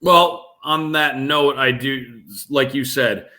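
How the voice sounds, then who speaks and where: Working as a guest play-by-play announcer on radio, a man offers measured, detailed sports analysis in a conversational manner. His mid-range voice sounds pushed and bright.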